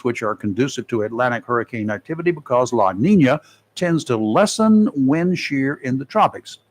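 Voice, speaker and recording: Folksy radio talk show host. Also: male voice, medium pitch. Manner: folksy, adds joking asides while reading. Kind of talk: casual radio talk and read-out segment. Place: radio studio.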